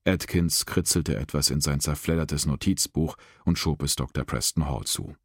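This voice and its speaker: A man narrating an audiobook in a very low, deep voice. He reads evenly and steadily, close to the mic. The sound is dry, with no room. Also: moderate pace, breathy edge, no echo.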